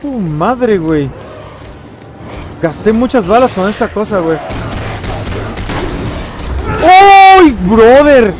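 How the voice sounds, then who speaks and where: A man with a Mexican accent narrates his gameplay in an excitable let's-play style, his high voice leaping around as he swears and yells at enemies on screen. Faint game music runs underneath. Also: a little slow, pauses often. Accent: Mexican Spanish. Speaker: gaming channel host.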